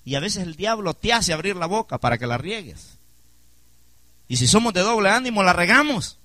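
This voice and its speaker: A pastor preaching with a lively, swinging delivery and a bright, forceful tone. He stays emphatic and keeps asking the congregation questions, calling for amen. His voice sits a little high and sounds dry and close. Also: normal speed, no echo. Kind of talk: sermon.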